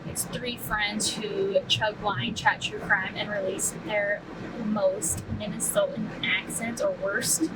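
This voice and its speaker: A woman's voice: medium pitch, level tone, slow. A woman chatting casually about a book while she drives, rambling with lots of fillers. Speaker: book vlogger. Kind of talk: casual chat while driving. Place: inside a moving car. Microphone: camera mounted in the car. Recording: distant camera mic, road noise.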